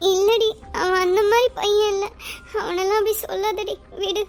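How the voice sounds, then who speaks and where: A woman voicing a tender young heroine in a cartoon, speaking softly and emotionally, often tearful. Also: extremely high pitch, flat delivery, moderate pace. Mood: defensive. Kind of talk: cartoon voice acting.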